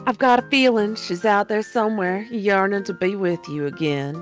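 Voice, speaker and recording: A woman's voice: medium pitch, moderate pace, faint music behind, close to an everyday voice. A woman voicing a doting older diner lady in a video game, fussing over people in a motherly, guilt-tripping way. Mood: wistful, sorrowful. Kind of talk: reading video game dialogue in character.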